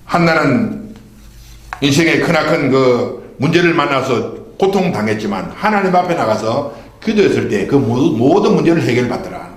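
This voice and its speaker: Animated man preaching in echoey church. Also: mid-range voice, normal speed. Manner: preaching with rhetorical questions and call-and-response. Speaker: pastor. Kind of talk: Sunday sermon. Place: church sanctuary.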